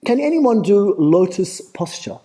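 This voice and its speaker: Aussie guy talking to a festival crowd, highish mellow voice, chatty and playful with the room. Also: sing-song, a little slow, low-quality recording. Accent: Australian. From Australia. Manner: engaging, asks the crowd questions, playful. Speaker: festival presenter. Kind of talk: live talk to an audience. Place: festival talk before a live audience.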